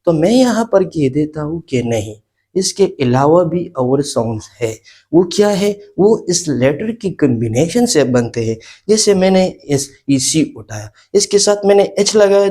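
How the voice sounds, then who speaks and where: A man's voice: a little high, sing-song, a little slow, a little mellow. A man teaching a beginner English lesson, explaining step by step, repeating key points and asking and answering his own questions. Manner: often adds checking tags like "okay" and "isn't it". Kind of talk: classroom lesson explaining letters and sounds.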